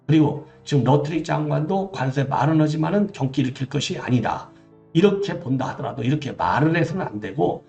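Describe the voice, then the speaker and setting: A man's voice: a little high, gravelly, a little mellow. A middle-aged man giving solo political commentary. He reads out an official briefing, then breaks off to criticize it with emphatic, exasperated rhetorical asides. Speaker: political commentator, former broadcast journalist. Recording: echoey room, slightly dull sound, faint music bed.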